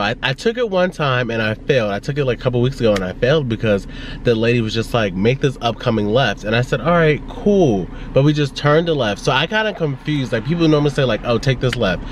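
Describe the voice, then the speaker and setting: A man's voice: medium pitch, animated, quick pace, a little hiss or hum. A young man vlogging in a casual, rambling way, telling stories to his viewers with lots of "like" and asides. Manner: rambling, chatty storytelling with frequent "like". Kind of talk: casual vlog chat. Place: in his car, then at home.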